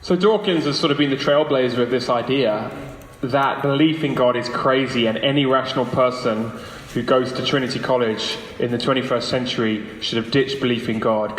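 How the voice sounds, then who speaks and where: A man with a mid-range voice and a steady, slightly fast delivery speaks persuasively as a guest lecturer before a live audience, leaning on rhetorical questions and emphatic phrasing. It's a lunchtime public talk in a large room, and the hall's long reverb makes the recording echoey.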